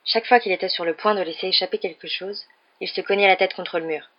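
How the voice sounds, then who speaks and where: A reader voicing an eager, tense young boy wizard with urgent, lively speech in a slightly muffled, lo-fi recording. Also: mid-range voice, fast talker, natural voice.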